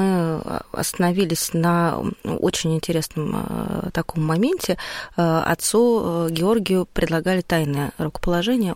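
A woman co-hosting a radio talk, asking questions slowly with many fillers. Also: on the low side, darkish tone, dry recording. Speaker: co-host, museum director. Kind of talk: radio interview. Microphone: studio microphone.

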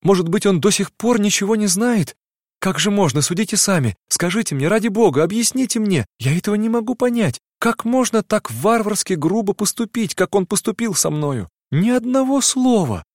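A man's voice: sits high, expressive, moderate pace, a little mellow, dry recording, studio quality, pitched above the performer's own voice. A man reading an audiobook, voicing a tearful, heartbroken young woman who pleads in impassioned outbursts. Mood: distraught.

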